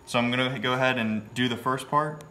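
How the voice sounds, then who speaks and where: Here the young fishing vlogger talks a little fast, his medium-pitched voice fairly even in intonation but pushed and bright. Out on a river in a small boat, he cheerfully tallies catches as they come in. A handheld phone camera picked it up, with noisy outdoor sound.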